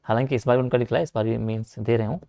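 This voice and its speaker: A young man teaches an exam-prep class in loose, conversational speech. His voice sits at a middle pitch with a gravelly roughness. He repeats himself and keeps checking in with the students. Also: fairly even intonation, rapid-fire, mellow, lo-fi sound. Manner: repetitive, checks in with frequent "theek hai"; direct, urging students to keep writing. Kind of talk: casual online class lecture.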